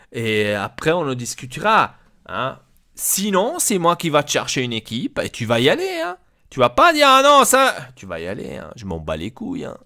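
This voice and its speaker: A man's voice: medium pitch, a bit bright. A man playing an angry football club boss with an Italian accent. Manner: blunt, crude, scolding.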